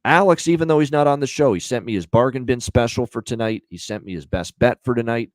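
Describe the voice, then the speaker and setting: A fast-talking man with a mid-range voice hosts a sports betting show, speaking off the cuff and emphatically, repeating phrases for stress. It's unscripted commentary and promotion, captured as a dry recording.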